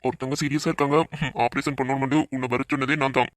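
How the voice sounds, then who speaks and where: A man's voice: mid-range voice, little pitch movement, fast, a little hiss or hum, close to an everyday voice. A man voicing a scheming, obsessive young male doctor who is the cartoon's villain, speaking in a taunting, mocking way. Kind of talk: cartoon voice acting.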